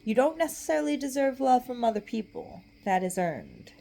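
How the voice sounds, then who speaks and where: A woman's voice: fairly high pitch, very animated, normal speed, vocal fry, mellow. A young adult woman in a casual, rambling solo chat, talking in a loose, tipsy, giggly way and trailing off mid-thought. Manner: tipsy, loose, meandering drunk talk. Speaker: vlogger.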